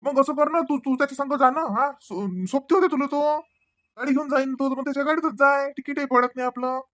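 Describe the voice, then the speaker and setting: A man's voice: extremely high pitch, brisk, a bit bright. A man voicing an easygoing, penny-pinching village farmer husband in a cartoon, with a mild, placating drawl.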